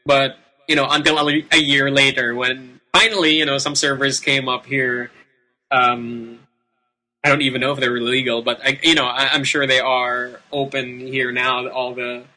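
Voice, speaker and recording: Very bright-voiced Filipino man hosting casually. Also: medium pitch, flat delivery, moderate pace, poor audio. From Philippines. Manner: rambling, emphatic, repeats words for emphasis. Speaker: video game show host. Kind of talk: casual, unscripted game commentary.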